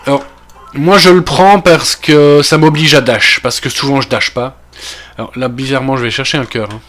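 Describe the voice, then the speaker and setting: Soft background music plays as a Belgian man with a Belgian French accent, getting over a cold, talks through a video game for his gaming channel. He thinks aloud casually with many fillers and trailing asides, in a steady, mid-range, slightly bright voice at normal speed.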